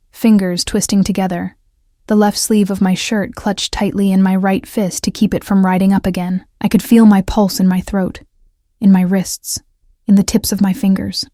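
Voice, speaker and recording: A woman narrating a first-person romance story in an even, measured scripted delivery. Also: medium pitch, no room sound, studio quality.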